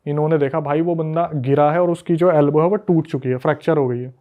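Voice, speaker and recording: A man's voice: a little high, fast talker, phone-quality sound. A man telling a spooky story on a casual podcast, retelling it with energy and acting out what people said. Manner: animated retelling that acts out the quoted people. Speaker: guest storyteller.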